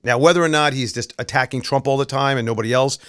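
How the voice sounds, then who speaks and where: A man's voice: medium pitch, fast talker, a bit bright, clear, resonant tone, no echo, studio quality. A man from New York hosting a casual talk show, making political commentary laced with sarcastic asides.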